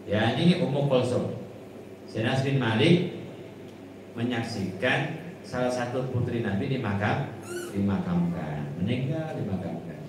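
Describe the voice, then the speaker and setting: A man's voice: medium pitch, lively intonation, unhurried, long pauses. A man preaching an informal sermon, chatty, with Arabic quotes and frequent restarts. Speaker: Islamic preacher. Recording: echoey hall from far off, with noise.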